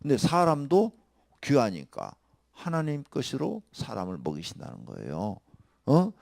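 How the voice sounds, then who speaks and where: A man preaching a sermon as pastor, jumping between loud, emphatic declarations and hushed whispers while firing rhetorical questions at his listeners. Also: medium pitch, huge pitch swings, moderate pace, vocal fry, no room sound, studio quality.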